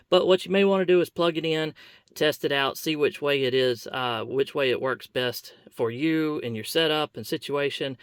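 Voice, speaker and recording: Male product reviewer, mid-pitch, folksy and easygoing, dry close sound. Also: fairly bright tone, no echo. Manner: folksy, conversational, walks through steps. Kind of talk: casual product review demo.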